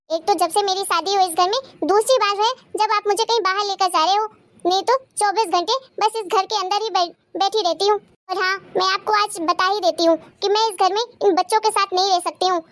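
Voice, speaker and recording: A woman voicing a young aunt in a cartoon story, a new bride who complains in a sharp-tongued way. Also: very high voice, dry recording. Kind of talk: cartoon voice acting.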